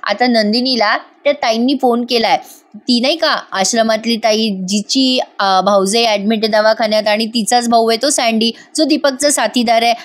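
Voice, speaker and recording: A woman narrates a voice-over recap of a TV serial episode. She talks chattily and turns to her viewers now and then. Her voice sits a little high. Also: fairly even intonation, normal speed. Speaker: TV serial reviewer.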